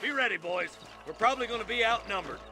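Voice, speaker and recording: A gruff posse-leading marshal. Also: male voice, high voice, animated, quick pace, music in the background, rough recording. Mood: commanding. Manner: commanding, plain-spoken.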